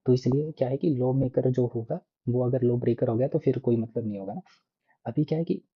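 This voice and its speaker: A man's voice: medium pitch, dark tone, husky, dull audio. A man teaching an exam prep lesson in a casual explanatory way, often tagging sentences with "na" and restarting words. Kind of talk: explanatory lecture.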